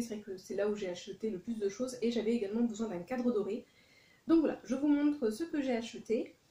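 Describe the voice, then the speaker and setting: A woman's voice: a little high, mellow. A woman chatting casually through a shopping haul, with many fillers and self-corrections. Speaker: vlogger. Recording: echoey room.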